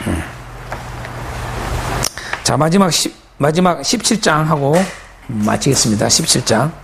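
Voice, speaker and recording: A man's voice: medium pitch, creaky, slight background noise. A male pastor preaching a sermon, emphatic and repetitive, asking his listeners rhetorical questions.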